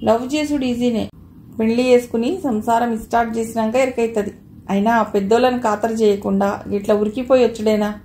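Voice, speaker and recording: A woman reads out a gruff middle-aged auto driver who scolds and lectures in a thick Telangana accent. The voice is mellow and a little higher than a man's, and it sits in a roomy space with faint hiss behind it. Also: steady tone, brisk. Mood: lecturing. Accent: Telangana Telugu. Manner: angry, lecturing. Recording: roomy echo, faint noise.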